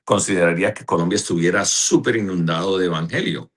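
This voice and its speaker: Answering an interviewer, a man who serves as a pastor and church director speaks slowly and earnestly, pausing as he looks for the right words. His voice is low but a bit bright.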